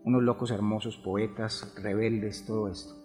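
A man, a grief therapist talking through ideas calmly, answering his own rhetorical questions. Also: on the low side, normal speed. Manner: calm, explanatory, rhetorical questions. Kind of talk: reflective podcast conversation. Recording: long hall reverb, faint music behind.

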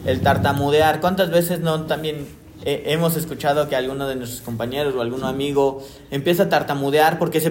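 A man hosts a casual talk, his voice a little high for a man. He speaks in a relaxed, slangy, conversational way. Faint background noise sits under the recording. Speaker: host.

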